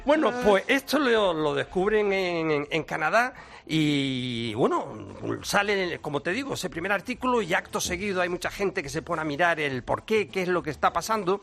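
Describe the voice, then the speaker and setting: A man's voice: sits high, lively intonation, normal speed, gravelly, hardly any pauses, a bit bright. A man, an enthusiastic medical expert explaining science on a talk show. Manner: enthusiastic explainer, laughs often.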